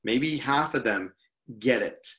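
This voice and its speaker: A man's voice: medium pitch, expressive, slow, fairly bright tone. A man speaking as an interview guest, an upbeat workshop leader who often says "you know".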